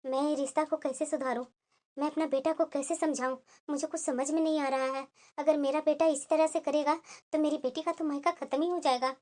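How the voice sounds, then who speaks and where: A woman voicing an elderly mother who softly pleads with her son in a cartoon family drama. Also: very high voice, normal speed. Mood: worried. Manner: soft, pleading. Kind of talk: cartoon voice acting.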